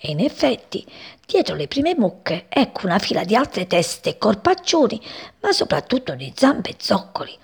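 A woman reading a children's story aloud, expressive and voicing the characters. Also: medium pitch, moderate pace, gravelly, husky.

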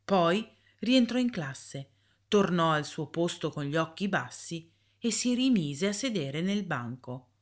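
A woman reading a story aloud in a calm, measured way. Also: fairly low pitch. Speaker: narrator.

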